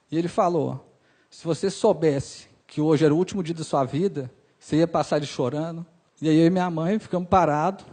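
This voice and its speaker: High-voiced young Brazilian man storytelling. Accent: Brazilian Portuguese. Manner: emotional, acts out dialogue, drops soft for sad parts. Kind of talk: personal storytelling speech.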